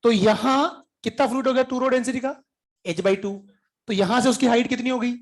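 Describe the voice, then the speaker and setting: A man's voice: extremely high pitch, steady tone, a little fast. Chatty male physics teacher mid-lesson. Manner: chatty, coaxing, often asks the class if they followed; mixes English terms into Hindi speech. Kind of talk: informal classroom lecture.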